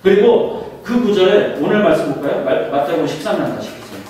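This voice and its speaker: A man's voice: fairly high pitch, very animated, fairly quick, darkish tone. A man preaching a sermon as pastor, often putting questions to the congregation. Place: church sanctuary. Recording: echoey church hall from far off.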